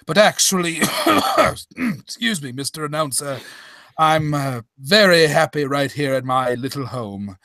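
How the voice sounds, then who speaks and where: Man as befuddled Doctor Watson, high and halting. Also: bright, forceful tone, no room sound, heavily acted. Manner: halting, flustered, rambling. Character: Doctor Watson, befuddled, sentimental, kindly old storyteller. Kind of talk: old-time radio comedy acting.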